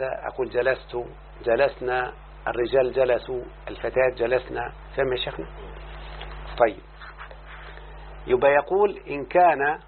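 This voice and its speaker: In a classroom lesson, an Egyptian-accented man with a mid-range voice teaches Arabic morphology and constantly quizzes the student to make sure he's understood. The sound is tinny and lo-fi, with a faint hum underneath.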